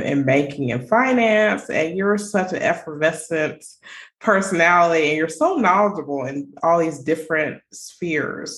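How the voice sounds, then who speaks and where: A woman hosting a privacy podcast, introducing her guest in an upbeat way with frequent fillers. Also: low voice. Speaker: podcast host.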